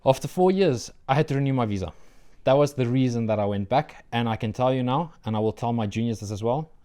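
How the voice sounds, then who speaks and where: Here a young South African man with Afrikaans as his mother tongue is being interviewed about his doctorate, replying earnestly and at a measured pace with frequent fillers. His medium-pitched voice is animated, dark in tone and smooth.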